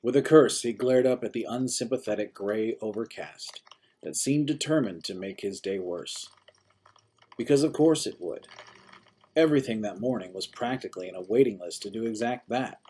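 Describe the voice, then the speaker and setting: A man's voice: fairly low pitch, moderate pace, warm tone, slight background noise. A man reading a short story aloud, narrating steadily and voicing its characters. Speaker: story reader.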